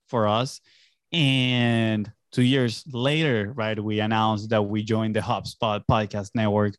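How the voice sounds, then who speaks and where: Recorded dry with clean studio sound, this mid-range male voice belongs to an upbeat young man from Venezuela. As an entrepreneur guesting on a podcast, he chats casually and tells loose, filler-heavy stories.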